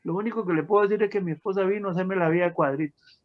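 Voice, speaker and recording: A man tells his life story to a gathered audience. He speaks with feeling and often turns to his listeners as friends. His voice sits high, and the recording sounds dull and lo-fi. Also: very fast. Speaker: testimony speaker. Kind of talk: personal testimony to an audience.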